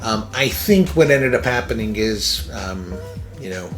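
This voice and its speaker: A lower-pitched man from Iran talks through a personal story as host of his own show. He rambles and restarts, drops plenty of ums and you-knows, and chuckles between thoughts. Faint music plays quietly behind him. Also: lively intonation, unhurried. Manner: rambling, filler-heavy, self-interrupting. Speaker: podcast host. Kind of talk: casual personal monologue.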